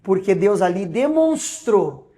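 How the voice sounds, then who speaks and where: A man with a Brazilian Portuguese accent, a pastor telling a personal testimony in an interview, acting out the dialogue and swinging between loud and hushed. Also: sits high, very animated, slow pace.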